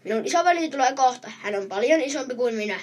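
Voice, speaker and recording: A woman reading a storybook, voicing the middle billy goat, who shouts his pleas to the troll. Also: sits high, animated. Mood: shouting.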